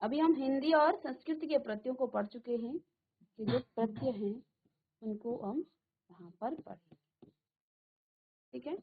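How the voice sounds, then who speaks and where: Woman teacher, middle-aged, slow and repetitive classroom delivery, muffled studio recording. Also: fairly high pitch, husky. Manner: slow, repeats each word and asks the class. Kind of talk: classroom lesson.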